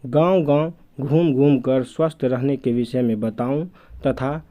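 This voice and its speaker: Male teacher, unhurried dictation of schoolbook answers, warm low-key timbre. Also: steady tone. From India. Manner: slow, measured dictation of questions and answers. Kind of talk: reading textbook answers aloud.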